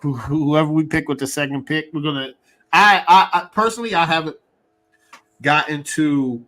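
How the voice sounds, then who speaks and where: A man hosting a live sports fan show, talking eagerly with frequent restarts. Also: on the high side. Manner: excited, talks fast with many restarts.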